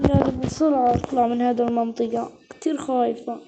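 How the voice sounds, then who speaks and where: A woman telling a story in the first person, voicing its heroine in a frantic, panicky way. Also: on the high side.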